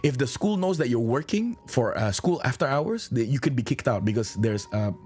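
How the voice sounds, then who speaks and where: A man's voice: mid-range voice, animated, brisk, a little mellow, breathy edge, faint music behind. A man with an Indonesian accent telling a motivational life story as a vlogger, earnest and slipping between English and Indonesian.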